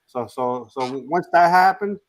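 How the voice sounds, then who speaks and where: A middle-aged man from Queens, co-hosting a casual live chat, halting and restarting his sentences with many fillers. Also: fairly high pitch, a crowd in the background, low-quality recording. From Queens, New York. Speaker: co-host.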